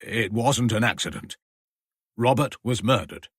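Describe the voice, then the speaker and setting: A man reading aloud voices a gentle man close to tears who speaks in a halting, subdued way. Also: on the low side, breathy edge, no echo. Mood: shaken.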